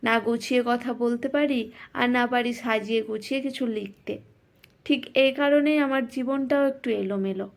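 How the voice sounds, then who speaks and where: A woman tells her own story aloud as a first-person narration. She sounds reflective and pokes fun at herself, and her voice sits fairly high. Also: fairly even intonation, moderate pace, gravelly. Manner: reflective and self-mocking.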